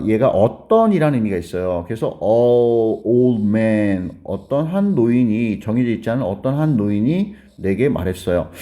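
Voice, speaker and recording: A man teaching a basic grammar lesson, explaining step by step and often checking whether the class has followed. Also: warm tone. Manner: explains step by step, keeps asking "got it?"; acts out a student's question in a higher voice.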